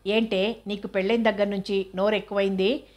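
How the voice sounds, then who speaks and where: A proud, touchy mother who dreams of films for her daughter, as a woman reads her part. She snaps back sharply when crossed, in a flat, even voice that barely rises or falls. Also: mid-range voice, a little fast, lightly acted. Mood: indignant. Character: older mother, film-crazy, touchy and proud.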